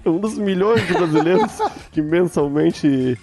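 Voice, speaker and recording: A man's voice: a little high, animated, unhurried, warm tone. A Brazilian man co-hosting a podcast in casual chat, with a wry, joking way of talking. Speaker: podcast co-host.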